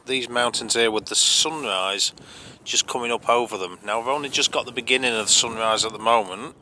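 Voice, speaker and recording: A man's voice: medium pitch, fairly quick, bright, forceful tone. A British man giving casual, chatty narration for a photography vlog. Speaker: landscape photographer and vlogger. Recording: faint background noise.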